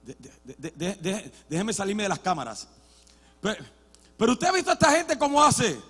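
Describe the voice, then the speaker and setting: A pastor with a strikingly high voice preaches a bilingual sermon, jumping between Spanish and English in mid-sentence. He repeats words as he restarts and moves between hushed stretches and shouted ones. His voice rings with the long reverb of a church hall. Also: wildly swooping pitch, moderate pace. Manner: builds to loud shouted passages, then drops to quiet. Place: church sanctuary.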